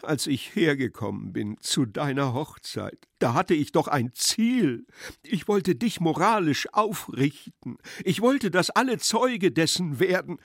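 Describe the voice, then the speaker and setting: A man voicing a drunken, pompous elderly general who talks loudly and stammers. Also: mid-range voice, lively intonation, slow, no echo, studio quality. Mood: desperate. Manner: loud, faltering, repeats himself.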